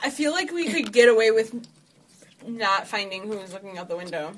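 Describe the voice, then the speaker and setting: A woman player chatting casually during a tabletop game, quick with excited interjections. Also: medium pitch, slight background noise.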